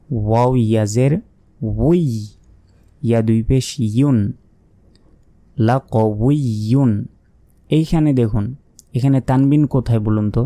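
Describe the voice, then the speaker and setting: A man's voice: medium pitch, warm tone, dry recording. A man teaching Quran reading step by step, spelling out letters and marks, asking questions and then answering them patiently.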